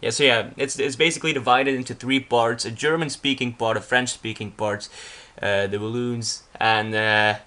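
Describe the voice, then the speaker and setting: Speaking English with a Flemish accent, this young Dutch-speaking man from Belgium narrates a slideshow about himself in a casual YouTube vlog, rambling with frequent restarts and fillers. He talks at normal speed in a mid-range voice that is steady, pushed and bright.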